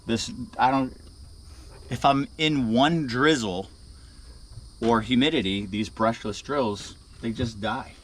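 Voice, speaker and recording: A man's voice: medium pitch, slow pace, a little hiss or hum. Breathless man explaining outdoor work. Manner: rambling, explains as he works. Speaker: animal keeper and vlog host. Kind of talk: casual vlog narration while working. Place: outdoors by animal enclosures.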